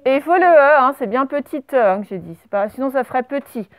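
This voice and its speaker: High, clear-voiced woman teacher dictating. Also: lively intonation, no echo. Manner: slow, over-articulated dictation of words. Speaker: primary school teacher. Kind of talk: classroom dictation lesson.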